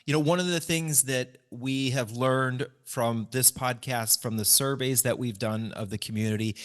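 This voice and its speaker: A middle-aged man in a middle register co-hosts a casual podcast. He explains things patiently with frequent fillers and laughs often. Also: mid-range voice. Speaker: podcast co-host. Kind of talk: casual chat.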